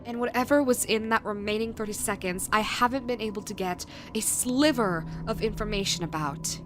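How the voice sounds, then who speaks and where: A woman reading a scripted creepypasta horror narration in a measured way, with dramatic pauses. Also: medium pitch. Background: background music.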